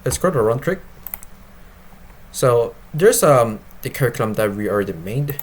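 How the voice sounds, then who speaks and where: Halting non-native English-speaking man presenting. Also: mid-range voice, very animated, breathy edge. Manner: halting, repeats and rephrases phrases. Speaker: developer presenting his web app. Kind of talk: informal product demo and explanation.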